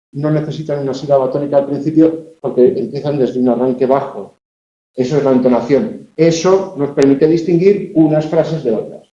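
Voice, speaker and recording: Tired Spanish lecturer in an echoey room. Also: male voice, on the high side, mellow. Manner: explanatory, frequent checks like ¿de acuerdo? and ¿vale?. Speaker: university lecturer. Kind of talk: recorded spoken lecture. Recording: roomy, slightly dull lecture recording.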